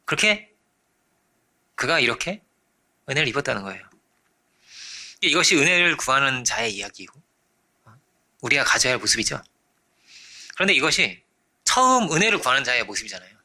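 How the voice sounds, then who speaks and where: Korean-style pastor guy preaching, super bright sharp voice, pitch jumping all over, animated. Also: fairly quick, long pauses. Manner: animated, acts out quoted voices; frequent rhetorical checks to congregation. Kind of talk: sermon.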